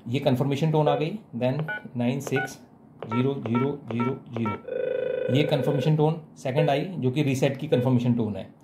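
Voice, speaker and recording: A man walks viewers through programming a phone exchange, explaining step by step with fillers and terms. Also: medium pitch. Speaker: telecom instructor. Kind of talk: technical tutorial demonstration.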